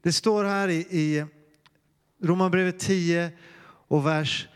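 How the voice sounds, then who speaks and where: A middle-aged Swedish man preaching a sermon, telling personal stories with earnest warmth and rising into fervent calls to prayer. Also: high voice, steady tone, smooth, long reverb tail. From Sweden. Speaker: pastor.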